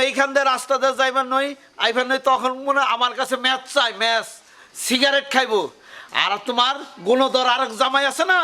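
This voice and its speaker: An actor playing a proud village headman and father-in-law, ranting in loud agitation about his honor. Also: extremely high pitch, heavily acted. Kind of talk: rural comedy drama acting.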